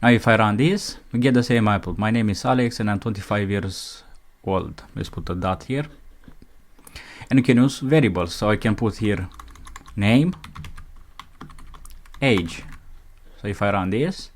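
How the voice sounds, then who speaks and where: A man teaching programming in a screencast, reading out code step by step as he types it, with keyboard clicks behind him. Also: lowish voice. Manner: dictates code as he types, slow and methodical. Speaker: programming instructor. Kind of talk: screencast coding tutorial.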